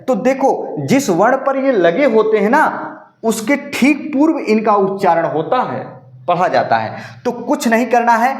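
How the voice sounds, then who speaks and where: A man teaching Hindi grammar for exam prep, in a fairly high voice that rings around an echoey room. He explains step by step, repeating each rule and talking straight to his students. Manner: repeats and drills rules, addresses viewers as students.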